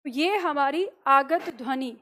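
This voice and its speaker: A woman's voice: high-pitched, slow, a bit bright. A woman teaching a grammar lesson, explaining step by step and asking rhetorical questions that she answers herself. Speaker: Hindi teacher. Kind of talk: classroom-style grammar lesson.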